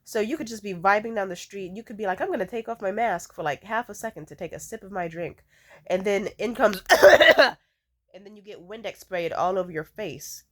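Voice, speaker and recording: A woman's voice: mid-range voice, brisk. Congested, sweary woman venting casually. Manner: animated, sweary, dramatic complaining. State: sick with a cold, congested nose. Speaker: vlogger. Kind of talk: casual rambling storytime chat.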